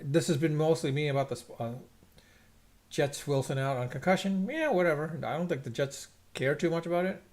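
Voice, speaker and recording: Guy ranting about football on a live stream, kinda high voice, rambles and restarts a lot. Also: animated, a little fast, darkish tone. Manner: rambling, restarts sentences, opinionated. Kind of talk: casual sports rant. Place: at home, checking scores on screen.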